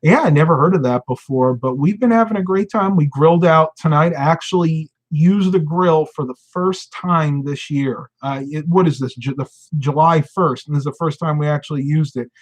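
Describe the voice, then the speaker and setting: A man with a slightly higher-than-usual voice chats casually with his family on a home live stream. His accent is neutral and he laughs easily as he talks. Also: normal speed, few pauses, rough recording. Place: home bedroom.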